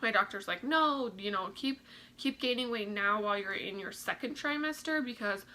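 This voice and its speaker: A woman's voice: a little high, normal speed, bright, forceful tone, low-quality recording. A young woman chatting casually in a vlog, a little out of breath, with lots of "like" and "um" fillers. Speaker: vlogger. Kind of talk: casual pregnancy update vlog.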